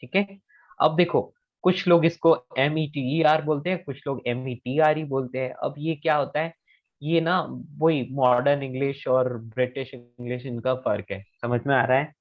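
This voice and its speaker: A man's voice: medium pitch, fairly even intonation, lo-fi sound. A male physics teacher, giving an online class and patiently repeating key phrases. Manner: patient, repeats key phrases slowly, calls students beta.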